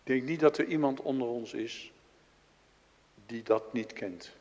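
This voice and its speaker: A man preaching a sermon, telling a story with acted-out dialogue and dropping from loud to hushed. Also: medium pitch, a little slow, muffled recording. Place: church. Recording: long reverb of a large hall.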